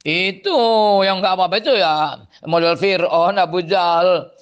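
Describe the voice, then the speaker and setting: Man, Cirebon Javanese accent, high voice, religious teacher explaining a classical text, lively, chuckles and exclamations. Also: moderate pace, highs cut off. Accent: Cirebon Javanese-tinged Indonesian. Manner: animated, exclaiming and chuckling often. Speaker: Islamic boarding school teacher.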